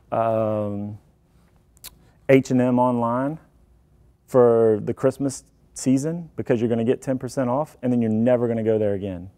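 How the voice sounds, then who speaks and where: A man talks through security tips in a relaxed, conversational way, cracking small jokes as he goes. His voice is warm and mellow, pitched in an ordinary middle range. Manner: chatty, self-deprecating, joking asides. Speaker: IT security presenter. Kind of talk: casual presentation to an audience.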